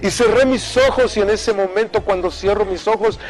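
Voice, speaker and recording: A man's voice: sits high, normal speed. A middle-aged man giving an emotional personal testimony in an earnest way, often repeating words for emphasis. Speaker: speaker giving a religious testimony.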